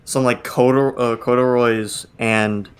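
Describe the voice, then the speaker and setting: A young man riffs loosely with his friends, spinning out a joking, rambling plan. His voice sits at an ordinary middle pitch and keeps an easy conversational flow. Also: flat delivery, a little slow, clean tone. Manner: joking, rambling, often laughing. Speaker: podcast co-host. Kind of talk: casual chat.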